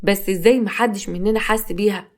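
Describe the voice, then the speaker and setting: A woman's voice: medium pitch, steady tone, brisk, natural voice. A woman narrator voicing a domineering middle-aged husband with an Egyptian accent, gloating and threatening. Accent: Egyptian Arabic.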